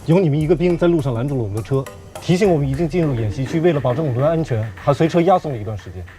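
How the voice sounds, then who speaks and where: Actor as a hurried anxious supply driver. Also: male voice, fairly high pitch, lively intonation, close to an everyday voice. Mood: apologetic. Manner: anxious, apologetic reporting. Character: apologetic male supply driver. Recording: drama audio with music behind.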